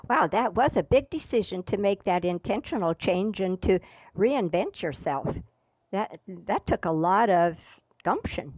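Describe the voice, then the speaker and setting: A woman's voice: mid-range voice, expressive, measured pace, darkish tone, no echo. A woman hosting a podcast, introducing her guest with upbeat enthusiasm. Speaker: podcast host. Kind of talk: interview hosting. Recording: dry, dull lo-fi sound.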